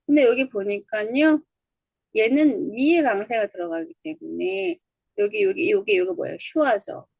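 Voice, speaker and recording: Gravelly teacher woman, dry close sound. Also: on the high side, big pitch swings, normal speed, no echo, rough recording. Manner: explains step by step, repeats words for drilling. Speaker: English teacher. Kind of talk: online lecture on English phonology.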